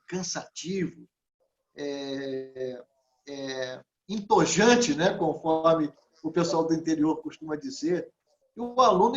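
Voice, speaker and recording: A man with a fairly high voice gives a teaching lecture, pausing often on tag questions to check that his listeners follow. He draws out key words slowly to stress them. The sound is roomy and a little dull, like a lo-fi recording. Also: a bit bright. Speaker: pastor and Sunday school teacher trainer.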